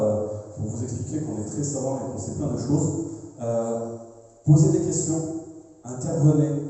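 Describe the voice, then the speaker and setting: A man in his forties with a southern French accent warms up a live audience, jokey and chatty. His voice is dark and mellow. He is picked up from far off in a hall with long, heavy reverb. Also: mid-range voice. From southern France. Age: 40s. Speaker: event host introducing the presenter. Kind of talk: live public presentation. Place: large echoing hall, recorded from a distance. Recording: distant, echoey hall recording.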